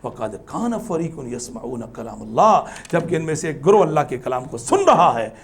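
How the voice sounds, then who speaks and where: A male teacher leads a religious class in an animated, emphatic way. His voice sits fairly high and climbs higher when he stresses a point. He slows down to chant scripture between plain explanations. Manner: animated, rises high for emphasis, chants Arabic verses slowly; ends in soft, low supplication. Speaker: Islamic teacher.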